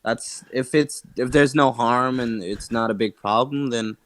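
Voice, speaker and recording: A man's voice: medium pitch, a little slow, a bit bright. A man taking part in a casual voice-chat discussion, rambling with many fillers. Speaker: participant.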